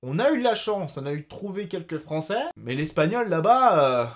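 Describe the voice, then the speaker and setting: A man's voice: fairly high pitch, moderate pace, slight background noise. A man in his twenties telling a personal story to his viewers in a casual, slangy way, swearing often. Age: 20s. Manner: animated and slangy, with frequent swearing. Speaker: vlogger.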